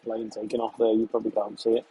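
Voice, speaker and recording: Working from a tractor sprayer cab in a field, this young man from England keeps up relaxed, chatty talk on his livestream, answering viewer questions amid commentary on the job. His voice is on the low side, fast and slightly rough, and the recording is low quality.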